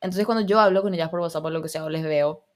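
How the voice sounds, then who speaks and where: A young woman from Paraguay hosts her own podcast, talking casually on her own. Her Spanish carries Argentine touches, and her voice sits a little low for a woman. She rambles from thought to thought, giggles often and pokes fun at herself. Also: fast. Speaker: podcast host. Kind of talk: casual solo podcast chat.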